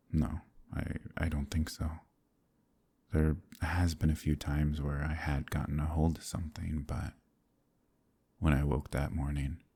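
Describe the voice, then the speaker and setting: Deep and husky, a man performs a full character voice as a gentle, troubled werewolf in romantic fantasy ASMR. He sounds sombre, soft-spoken and hesitant, using formal, old-fashioned wording.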